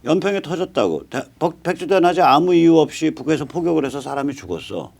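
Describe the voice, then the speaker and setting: A man's voice: on the high side, very animated, quick pace, creaky, a little mellow. A man in his sixties hosting a political talk show who often cuts in and stammers at the start of his phrases. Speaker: host.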